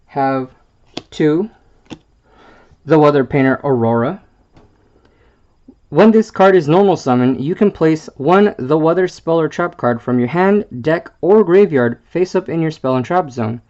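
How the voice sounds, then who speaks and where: A man presenting a card game deck, reading the card text aloud in a halting way, stumbling over wordings and filling gaps with "uh". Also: on the high side, lively intonation, darkish tone, highs cut off.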